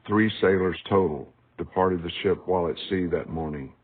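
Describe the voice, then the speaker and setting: Here an author reads a passage from his book in scripted narration style, his voice sitting low at a moderate pace. The sound is tinny and narrow-band, phone-like.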